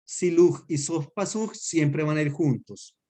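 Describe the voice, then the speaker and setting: Patient pastor teaching a class. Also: male voice, a little high, dark tone. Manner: patient, explains slowly with spoken examples and checks understanding. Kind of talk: teaching a class on Hebrew accents.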